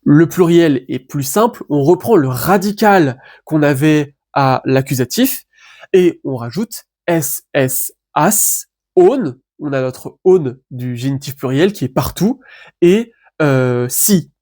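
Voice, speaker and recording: Chatty man teaching Greek grammar. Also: a little high. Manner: relaxed and chatty, with many fillers and restarts, spelling out Greek endings slowly. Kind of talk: casual online grammar lesson.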